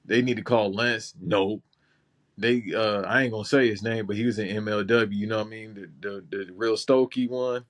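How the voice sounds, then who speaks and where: Slangy laid-back man, low voice. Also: steady tone, normal speed. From Los Angeles. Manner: loose, slangy, rambling with repeated restarts. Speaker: podcast co-host. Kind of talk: casual chat.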